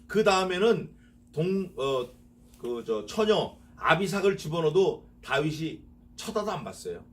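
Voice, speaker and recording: Male pastor, conversational sermon, slightly high voice, rhetorical questions to the pews. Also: sing-song, far from the mic. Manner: conversational preaching, reads scripture slowly and emphatically; asks the congregation rhetorical questions. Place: church sanctuary.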